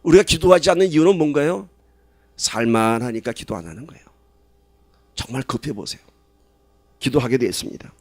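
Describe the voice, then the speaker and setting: A male pastor delivering a sermon at an ordinary middle pitch. He talks with the congregation through questions and builds to loud, emphatic passages. The sound is close and dry. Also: animated, a little fast, long pauses, dry recording. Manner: conversational preaching, rhetorical questions to the congregation.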